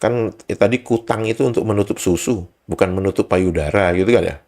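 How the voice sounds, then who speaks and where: A man's voice: lowish voice, brisk, darkish tone. A man hosting a commentary monologue, mocking and firing off rhetorical questions. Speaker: host.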